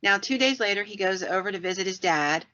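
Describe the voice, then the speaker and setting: A woman hosts a podcast, telling paranormal stories in a chatty, folksy style full of rambling asides. Her voice is medium-pitched and sharp, with lively intonation and a fairly quick pace. The recording sounds dull and lo-fi.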